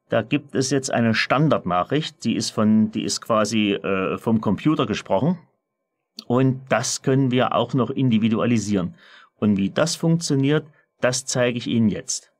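A man with a lowish voice presents a software screencast tutorial. He explains things methodically, step by step, in a semi-spontaneous walkthrough.

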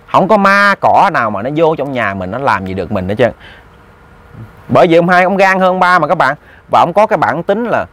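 A man's voice: medium pitch, a bit bright. A man telling a ghost story in a chatty way, speaking directly to his listeners. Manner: chatty, addresses listeners directly, repeats words. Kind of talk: casual spoken storytelling.

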